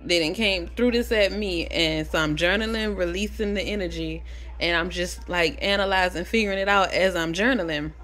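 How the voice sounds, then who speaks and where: A young adult woman vlogging, telling a casual story to camera, animated and chatty, swearing freely. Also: fairly low pitch, normal speed.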